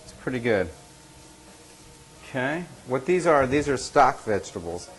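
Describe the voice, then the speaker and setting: A man's voice: mid-range voice, very animated, a little slow. A man giving a casual cooking demonstration as host, plain-spoken and talking as if to a buddy. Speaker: cook hosting a cooking show. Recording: noisy live room sound.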